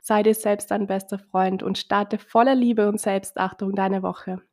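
A woman reads a scripted motivational narration and guided meditation, speaking to the listener in a gentle, encouraging manner. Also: mid-range voice, fairly even intonation, unhurried. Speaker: self-love and meditation guide. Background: background music.

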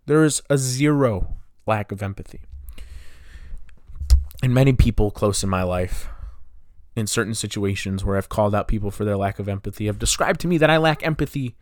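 A man's voice: on the low side, lively intonation, moderate pace, dry recording, studio quality. A man in his twenties hosting a solo podcast, talking with frustration and firing off rhetorical questions. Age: 20s. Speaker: podcast host.

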